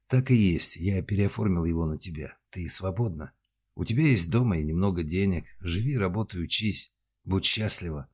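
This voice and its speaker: A man voicing a calm, gentle middle-aged man who speaks softly. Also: deep voice, normal speed, breathy edge. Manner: calm, soft-spoken.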